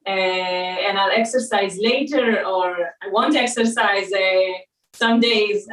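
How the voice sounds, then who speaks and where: A woman in her forties from Israel with an Israeli accent, a raw food consultant talking as a guest in a casual interview, pausing often with uh and um. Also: a little high, a bit bright, low-quality recording. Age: 40s. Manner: hesitant, many uh and um fillers.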